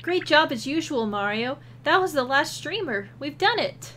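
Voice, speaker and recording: A woman's voice: high voice, very animated, unhurried, bright, forceful tone, a little hiss or hum, voice pushed up, full character voice. A woman voicing a sweet, earnest young origami girl in a video game. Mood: grateful.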